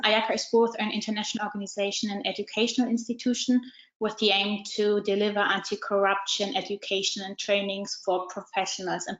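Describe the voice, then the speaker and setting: Woman, webinar moderator, measured delivery, lots of ums, roomy echo. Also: mid-range voice, highs cut off. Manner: measured, with frequent fillers. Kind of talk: online panel introduction. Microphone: video call.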